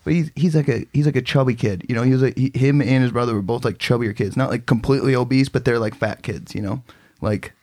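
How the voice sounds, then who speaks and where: A man's voice: medium pitch, fast talker, darkish tone. A man telling rambling stories on a casual podcast, full of fillers and swearing. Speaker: podcast co-host. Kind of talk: casual storytelling chat.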